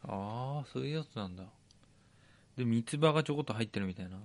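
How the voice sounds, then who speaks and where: A man co-hosting a podcast in a Tochigi accent, with a voice of ordinary middle pitch. He reads listener letters in a polite, even way, then slips into loose, joking chatter. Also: fast. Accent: Tochigi dialect. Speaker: podcast co-host. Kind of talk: reading listener mail, casual banter.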